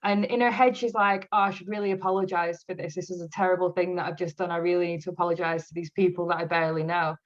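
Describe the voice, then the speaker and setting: A woman's voice: lowish voice, quick pace, hardly any pauses, lo-fi sound. A woman author chatting in an interview, telling stories with frequent laughter. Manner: laughs often, animated storytelling. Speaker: author guest. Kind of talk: casual interview chat.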